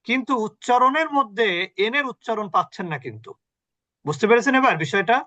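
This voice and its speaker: High-voiced man teaching over a call. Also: sing-song, sharp tone. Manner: explains patiently, asks students questions, chants examples slowly. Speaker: Quran recitation teacher. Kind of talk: online class lesson. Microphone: video call.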